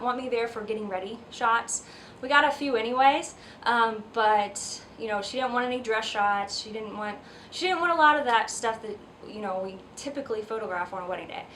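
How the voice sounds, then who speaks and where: A woman's voice: on the high side, fairly bright tone. A woman wedding photographer, slightly out of breath, chatting casually with lots of ums and restarts as she shows off an album at home. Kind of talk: casual video vlog. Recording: slightly distant mic, faint household noise. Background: kids screaming upstairs.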